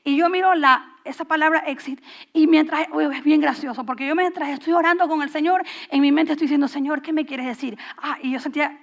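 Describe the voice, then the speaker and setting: A woman's voice: high-pitched, fast, dull audio. A middle-aged woman pastor preaching a sermon in a conversational, storytelling way, acting out the lines of the people in her stories.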